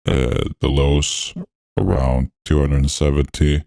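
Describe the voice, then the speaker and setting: A man talking through a voice changer that deepens his voice. He hosts a music production tutorial, narrating each step in a laid-back, technical way with frequent fillers. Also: flat delivery, takes it slowly, creaky. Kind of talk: walkthrough narration over a screen recording.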